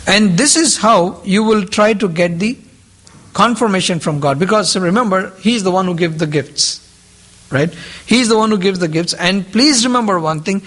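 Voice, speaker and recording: A man with a high, fairly bright voice preaches a sermon to a group in English, which is his second language. He repeats key phrases and puts questions to his listeners, and his mother tongue is something other than English.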